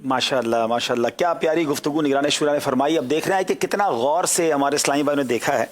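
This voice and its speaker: A man hosting a religious TV quiz show, politely explaining things step by step and addressing viewers directly. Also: a little high.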